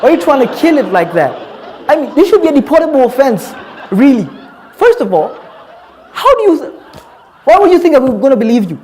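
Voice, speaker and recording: A man's voice: extremely high pitch, sing-song, fast talker, warm tone. A young Kenyan man hosting a satirical comedy show, talking in a mocking, incredulous way and often laughing as he speaks. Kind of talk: satirical commentary.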